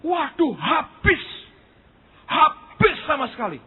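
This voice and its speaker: A preacher voicing an excitable old man friend who tells news with eager, loud, breathless exclamations, on a tinny lo-fi recording. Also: extremely high pitch, slow, voice pushed up, full character voice.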